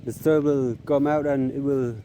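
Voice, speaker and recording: A man's voice: medium pitch, steady tone, moderate pace, dark tone, lo-fi sound, slight background noise. A man with a Northeast Indian accent talking casually outdoors for a running vlog, hesitant and often repeating his phrases. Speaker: vlogger. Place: outdoors on an open grass field.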